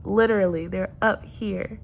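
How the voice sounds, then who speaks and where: A woman's voice: mid-range voice, fairly even intonation, unhurried, vocal fry, a little hiss or hum. A young woman vlogging casually with her fingers in her mouth as she shows her teeth, her words slightly muffled, chatty with lots of fillers. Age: young adult. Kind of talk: casual vlog chat.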